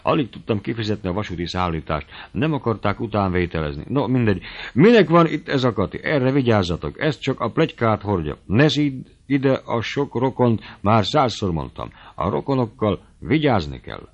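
A man's voice: fairly low pitch, big pitch swings, lo-fi sound. A man doing a fiery old boaster. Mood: grumbling. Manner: fervent, grandiose speechifying.

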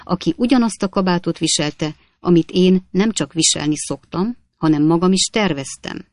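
A timid, kind-hearted gentleman, as a storyteller plays him, speaking with nervous formality and a slightly raised voice. The recording is dry and close. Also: medium pitch, no echo, lightly acted. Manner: nervous, then stiffly formal. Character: timid, kindly young gentleman at a duel.

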